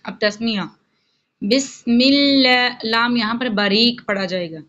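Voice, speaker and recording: A woman teaching Quran recitation rules step by step, patiently explaining and slowly drawing out each recited word. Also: medium pitch, steady tone, bright, forceful tone, dull audio. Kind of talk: spoken lesson with recited examples.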